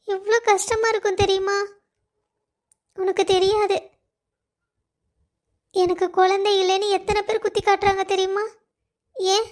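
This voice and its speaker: A woman voicing a loving young wife who pleads and complains of being alone. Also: extremely high pitch. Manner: pleading, plaintive.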